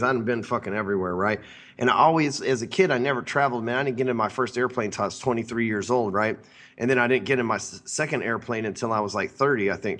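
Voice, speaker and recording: A man's voice: medium pitch, a bit bright. Brash profane man hosting a podcast. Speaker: podcast host. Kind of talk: casual profane podcast talk.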